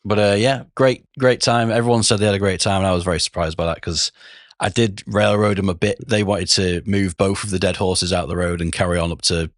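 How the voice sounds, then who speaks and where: A very low-voiced man, hoarse and rough from a sore throat, chatting on a podcast. He rambles along with lots of restarts. The sound is close and dry, with no room around it. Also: steady tone, fairly quick, dry recording. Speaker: podcast co-host, game master. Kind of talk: casual chat.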